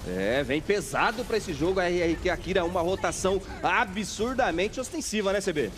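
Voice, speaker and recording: A man's voice: sits high, animated, normal speed, a bit bright. A man with a Brazilian accent calling a live esports match as host and play-by-play commentator, with emphatic, dramatic calls.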